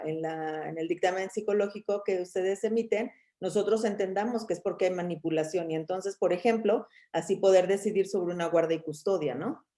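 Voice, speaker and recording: A woman's voice: on the low side, mellow. A woman who works for a family court, speaking on a video call and hesitating, with many restarts as she searches for words. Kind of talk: panel discussion over video call.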